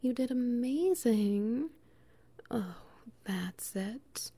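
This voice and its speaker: Slow, mellow-voiced woman, soft and teasing. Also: animated, husky. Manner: soft teasing, often whispering, with low laughs. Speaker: audio roleplay performer. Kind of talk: intimate audio roleplay.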